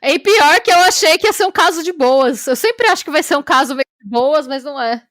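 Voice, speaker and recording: A woman's voice: high voice, a little fast, no echo, studio quality. A Brazilian woman co-hosting a true-crime podcast in casual, chatty talk, trailing off now and then. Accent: Brazilian Portuguese. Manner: chatty, lively, trailing off with "sei lá". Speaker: podcast co-host, storyteller.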